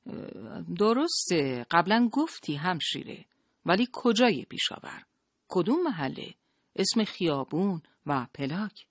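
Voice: mid-range voice, lively intonation, no echo, voice pushed up, lightly acted. An audiobook narrator voicing a male police interrogator who questions with feigned, cool politeness, in a dry booth sound. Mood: cool, probing. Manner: coolly polite, pressing. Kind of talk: audiobook character voice.

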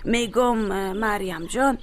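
A woman's voice: mid-range voice, music in the background, close to an everyday voice. An actress with an Afghan Dari accent playing a tired middle-aged mother who soothes her husband and complains about a daughter in an audio drama.

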